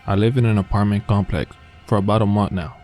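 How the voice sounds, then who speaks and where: A man narrating true horror stories in a calm, even storytelling manner. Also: lowish voice, fast. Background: faint background music.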